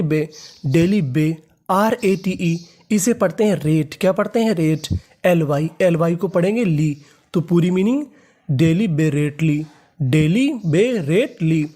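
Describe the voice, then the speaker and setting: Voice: medium pitch, mellow. मधुर आवाज़ में धीरे शब्द खींचकर पढ़ाने वाला शिक्षक. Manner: asks questions and answers them himself; drawls key words slowly when repeating them. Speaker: English reading teacher. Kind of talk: spelling out and pronouncing English words.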